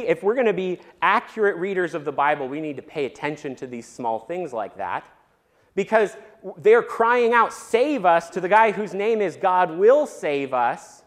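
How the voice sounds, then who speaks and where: Male pastor, sermon, high voice, lively swooping delivery, conversational. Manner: animated, conversational preaching with shifts of emphasis.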